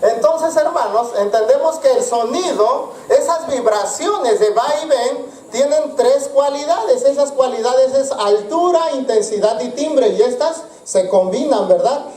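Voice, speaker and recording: A man teaching music to a church congregation, halting and filler-heavy, calling his listeners brothers and sisters. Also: very high-pitched, lively intonation, warm tone. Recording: roomy sound from a distance, with music.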